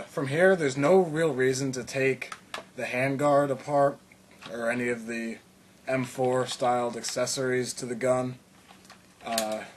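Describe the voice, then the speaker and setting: A medium-pitched man, with slight background noise behind him, casually guides viewers through a how-to video. He rambles, restarts sentences, leans on fillers, and coughs every so often.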